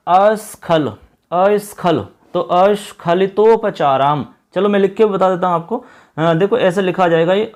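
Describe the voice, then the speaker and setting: A man teaching a Sanskrit lesson in a casual, friendly way, repeating himself often and slowing down to spell out each word. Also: high-pitched. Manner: friendly and repetitive, slows to spell out words. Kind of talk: casual Hindi video lesson.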